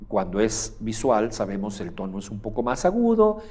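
Male instructor, lowish voice, lecture delivery with filler pauses, demonstrates speaking rhythms and tone. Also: big pitch swings, a little mellow. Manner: demonstrates pace and pitch changes while teaching, with frequent "eh" fillers.

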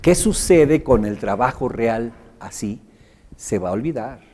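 A man's voice: medium pitch, a little slow. A man with a Mexican accent teaching a live workshop on nonverbal communication, joking and acting out his examples to the group. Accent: Mexican Spanish. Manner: animated, joking, acts out examples. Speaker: workshop instructor. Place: workshop room with a live audience.

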